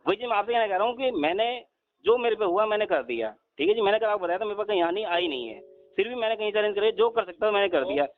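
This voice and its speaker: A man as a bank customer on a heated phone call, firm and steady, who keeps saying "okay ji". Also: high-pitched, rapid-fire. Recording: tinny phone line.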